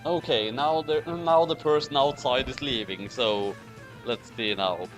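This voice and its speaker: In a mid-range voice and at a slightly slow pace, a man hosts a casual, comic group reading of a fan story. His delivery is theatrical and exaggerated, and background music runs behind his voice.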